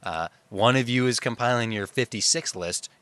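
A man's voice: medium pitch, moderate pace, a bit bright, clean tone, no echo. A man co-hosting a podcast, talking casually about films in a rambling, reflective way. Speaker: podcast co-host. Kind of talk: casual film discussion.

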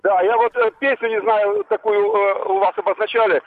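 A man's voice: high voice, fairly even intonation, normal speed, no echo. Hesitant male caller over a phone line. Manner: hesitant, warm well-wishing. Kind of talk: phone-in call.

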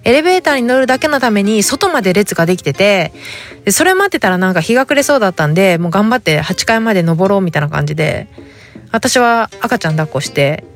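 A woman's voice: mid-range voice, sing-song, quick pace. A woman in her thirties from Japan with a Hakata accent, hosting a casual solo chat and telling stories animatedly with quoted dialogue. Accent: Hakata dialect. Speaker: podcast host.

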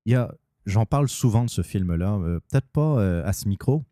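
A man with a Québécois French accent talks loosely into his podcast mic, wandering through thoughts with lots of hesitations and restarts. His voice is low-pitched and very dark, and the sound is dry and close. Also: lively intonation, a little fast, no room sound. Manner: rambling, many fillers and restarts. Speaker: podcast host. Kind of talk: casual solo podcast talk.

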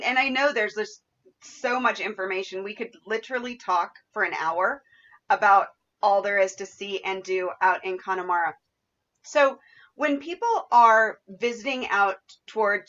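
A woman's voice: mid-range voice, a bit bright, dull audio. A woman hosting a podcast interview in a conversational, effusive and appreciative way. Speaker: podcast host.

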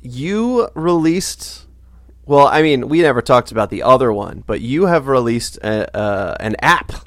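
A man co-hosting a podcast in casual chat, with a measured delivery and dry, deadpan jokes. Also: medium pitch, no room sound. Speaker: podcast co-host.

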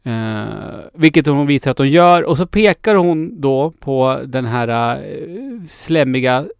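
A man co-hosting a podcast, chatting casually and excitably about a film, with frequent stumbling restarts. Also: medium pitch, clear, resonant tone, no room sound, studio quality. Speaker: podcast co-host.

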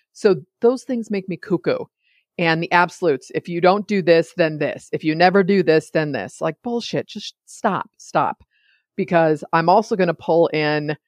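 Gravelly, chatty woman podcast host. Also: deep voice, no room sound. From California. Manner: chatty and digressive, often sidetracking herself. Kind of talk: casual solo podcast monologue.

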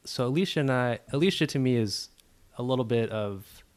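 A young man hosting a podcast, talking casually in a soft, hesitant way with many fillers. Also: mid-range voice, a little fast. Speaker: podcast host.

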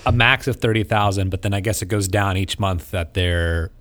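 A man chats casually as a podcast co-host. His voice is on the low side, with a dry sound free of room echo. He talks conversationally, posing questions and adding comments. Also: moderate pace, a bit bright.

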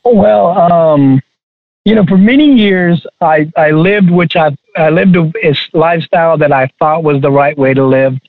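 A man's voice: on the high side, no room sound, narrow, tinny audio. A man, a guest chef, talking casually in an interview and restarting his sentences often. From Texas. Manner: halting, many restarts.

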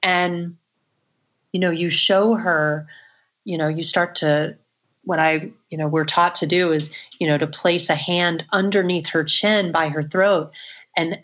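Woman audiologist telling a story, lowish voice, lots of "you know", kinda muffled lo-fi sound. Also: steady tone, slow pace, a bit bright. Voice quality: frequent "you know" fillers, earnest and reflective. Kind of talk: storytelling in a conversational interview.

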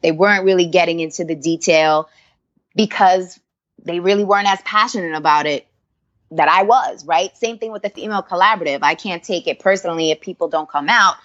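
A woman's voice: fairly low pitch, brisk, lo-fi sound. A woman from Queens, New York, talking earnestly as a podcast guest and often checking in with "right?". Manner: earnest, animated, often tags lines with "right?". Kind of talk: casual interview talk.

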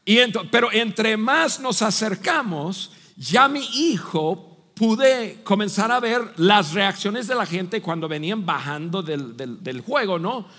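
A middle-aged man, a pastor preaching a sermon with animated storytelling, shouting and laughing as he acts out voices. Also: high voice, takes it slowly. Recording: long reverb of a large hall.

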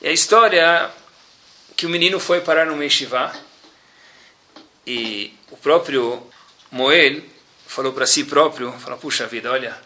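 A man telling a religious story in an animated sermon style. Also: mid-range voice, unhurried, long pauses. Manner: lively, animated storytelling with Hebrew terms.

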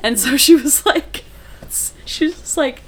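A woman co-hosting a podcast in casual chat, a chatty storyteller full of "like" and quick apologetic asides. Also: high voice, expressive. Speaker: podcast co-host.

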